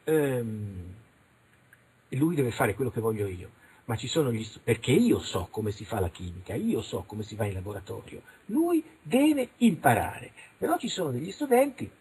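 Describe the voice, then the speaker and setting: Animated husky middle-aged man. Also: mid-range voice, normal speed, rough recording. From Italy. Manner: animated, frank, acts out little dialogues. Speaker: interviewed researcher. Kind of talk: radio interview, casual monologue.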